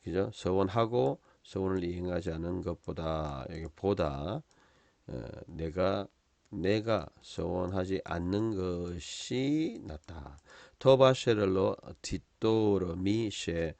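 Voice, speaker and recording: A man teaching a Bible lesson on Hebrew words, explaining each one slowly with many fillers and tag questions. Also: sits low, lively intonation, vocal fry, a little mellow, no echo.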